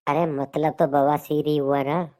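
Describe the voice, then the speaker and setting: A man's voice: a little high, level tone, measured pace, a little mellow. A man hosting a comedy joke channel, telling jokes and playing out comic sketches. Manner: jokey storyteller. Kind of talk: comic skit narration and dialogue.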